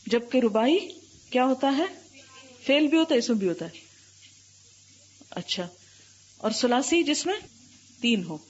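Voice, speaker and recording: A woman teaches a grammar class in a fairly high, husky voice. She keeps firing questions at her students and slowly stretches out each letter and example word. The recording sounds dull and lo-fi. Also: lively intonation, a little mellow. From Pakistan. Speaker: Islamic scholar teaching Arabic grammar.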